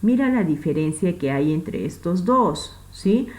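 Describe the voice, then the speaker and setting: A woman's voice: fairly low pitch, lively intonation, measured pace, darkish tone, low-quality recording. A woman with a Peruvian Spanish accent, teaching a recorded English grammar class in a patient way, repeating points and checking that students follow. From Peru.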